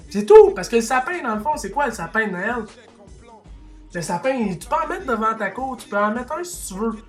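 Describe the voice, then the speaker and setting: This Quebec vlogger speaks briskly in a high, sharp voice with lively intonation, faint music playing in the background. He delivers a heated opinion rant in a Québécois French accent, impassioned and argumentative, full of restarts and asides.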